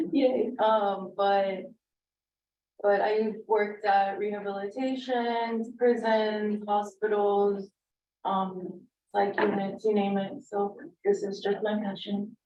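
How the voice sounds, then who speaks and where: A Cuban-born board member candidate whose first language is Spanish introduces herself casually at a public board meeting, using many fillers. Her medium-pitched voice is level, slow and darkish, with slight background noise. The meeting room sounds echoey and dull, picked up by a distant mic.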